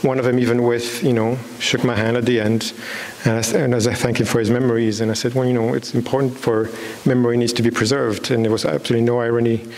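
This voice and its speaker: A documentary filmmaker from Belgium halts his way through an unscripted answer on stage at a public talk, in a large dark hall with an audience, with repeated false starts. His mid-range voice is darkish and moves little in pitch. The hall is echoey and the hiss clearly audible.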